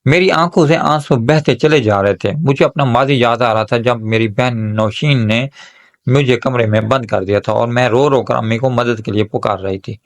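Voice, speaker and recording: Man narrating a story as a woman. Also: medium pitch. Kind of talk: first-person narration of a moral story, told as a woman.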